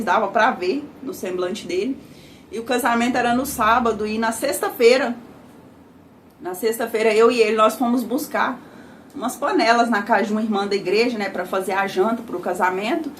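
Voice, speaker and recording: A woman's voice: a little high, a little hiss or hum. A Brazilian woman telling her personal testimony in a conversational, emotional way, often adding little tags like "né" and "sabe". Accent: Brazilian Portuguese.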